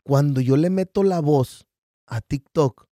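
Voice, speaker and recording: A Mexican man with a Mexican Spanish accent talks as a guest on a casual podcast. His voice sits a little high for a man, and the sound is dry and close-miked. He tells stories with energy, drops in slang and curse words, and puts on voices for the people he quotes. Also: slow, no echo. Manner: animated storyteller who acts out quotes, slangy and profane. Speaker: podcast guest, business founder.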